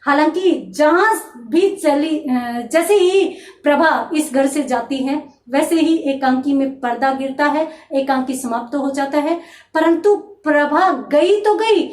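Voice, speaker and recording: A woman's voice: high voice, slow pace, roomy sound, recorded from a distance. A woman Hindi teacher explaining the plot of a one-act play, retelling scenes and acting out lines.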